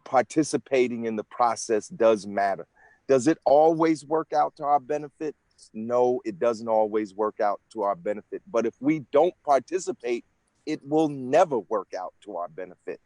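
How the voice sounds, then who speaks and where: A man in his sixties talks through his answers earnestly and at length, often restarting his sentences. His voice sits at an ordinary pitch, and the recording is dry and close. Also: animated, normal speed, dark tone, dry recording. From United States. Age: 60s. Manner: earnest, explanatory, with frequent restarts. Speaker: interview guest, senate candidate. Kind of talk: conversational interview answers.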